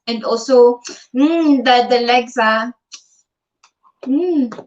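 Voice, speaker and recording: A woman's voice: fairly high pitch, drawn-out words, lo-fi sound. Filipino woman reading viewer comments. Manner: reads out viewer comments, switches between Tagalog and English, laughs often. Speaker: livestream vlogger. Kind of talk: casual livestream chat. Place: in bed at home. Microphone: phone.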